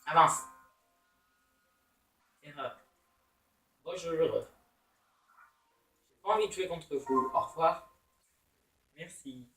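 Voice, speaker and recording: A man's voice: on the high side, slow pace, pauses often, bright, forceful tone, echoey room, far from the mic, a little hiss or hum, poor audio. A man giving casual, playful let's-play commentary, teasing opponents with taunts and exclamations. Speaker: gamer.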